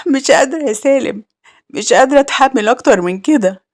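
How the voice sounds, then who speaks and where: A woman's voice: high voice, expressive, fast talker, darkish tone, voice pushed up. Woman voicing a desperate young Egyptian wife. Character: young childless village wife, worn and desperate.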